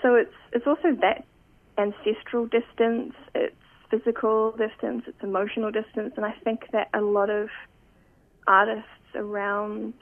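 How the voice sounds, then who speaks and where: A young woman talks in a slow, reflective way, often pausing to find the right words. Her voice carries a gravelly fry, and it comes through thin and phone-like. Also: medium pitch. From New Zealand. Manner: thoughtful, searching, many pauses. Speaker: photographic artist, guest. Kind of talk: reflective interview talk. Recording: tinny phone-line sound.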